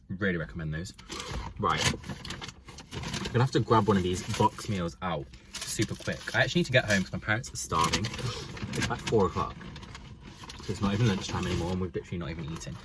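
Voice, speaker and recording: Deep-voiced guy eating in his car. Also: background noise. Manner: chatty, talks with his mouth full while eating. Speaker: vlogger. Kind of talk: casual food review to camera. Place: inside a parked car.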